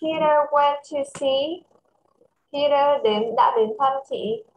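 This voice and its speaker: A woman with a Vietnamese accent teaching English to a child over a video call, switching between English and Vietnamese and reading English phrases slowly. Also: high-pitched, dull audio, a little hiss or hum. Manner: mixes English and Vietnamese, slow careful English. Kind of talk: online English lesson for a child.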